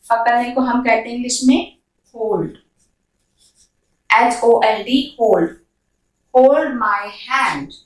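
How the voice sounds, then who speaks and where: A woman with a fairly high voice teaches beginners, saying each example phrase slowly and with care. She sits back from the mic in an echoey room. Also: steady tone, distant mic. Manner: slow, drawn-out model sentences between quick explanations. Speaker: English teacher. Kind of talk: beginner language lesson.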